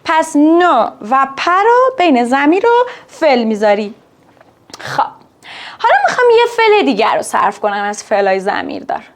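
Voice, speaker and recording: A woman with a high voice teaches an online French lesson to Persian speakers. She speaks to the learners informally and directly. When she conjugates verbs she slows right down and says each form clearly. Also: very animated.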